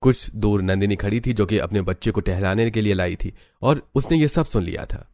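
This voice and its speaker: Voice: low-pitched, moderate pace. एक कथावाचक एक हिंदी कार्टून कहानी को लिखे हुए अंदाज़ में, सधे सुर में सुनाता है।. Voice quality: even, storytelling. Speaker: narrator. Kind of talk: scripted story narration.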